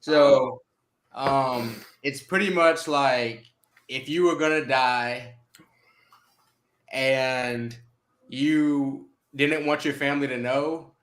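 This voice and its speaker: A young man on a livestream panel, speaking in a relaxed, slangy way. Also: medium pitch, extremely slow. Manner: relaxed, slangy, enthusiastic recommending. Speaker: panel guest. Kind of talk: casual chat. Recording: roomy echo.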